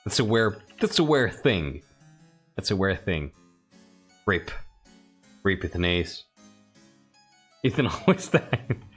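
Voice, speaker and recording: Husky, animated man commentating a game. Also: deep voice, takes it slowly, pauses often, faint music behind. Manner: repeats phrases for emphasis. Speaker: game player and host commenting while playing. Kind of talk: casual gameplay commentary, reading game text aloud.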